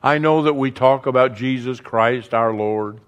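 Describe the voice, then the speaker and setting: A man preaching a sermon, earnest, building emphasis through repetition and dropping softly on key words. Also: medium pitch, measured pace, clear, resonant tone.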